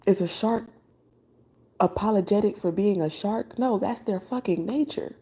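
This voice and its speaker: Sleepless tarot reader, loose and blunt. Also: female voice, medium pitch, normal speed, dark tone, poor audio. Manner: loose, conversational, with filler words and frequent restarts; blunt, casual swearing. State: up all night without sleep. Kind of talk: late-night spiritual monologue.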